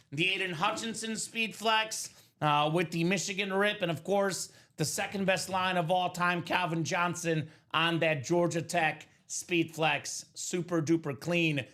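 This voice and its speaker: Upbeat high-voiced man hosting a live break. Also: sharp tone. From Bulgaria. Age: 30s. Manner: upbeat, hype-style, calls viewers brother. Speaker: host of a live sports card break show. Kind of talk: live stream sales chat.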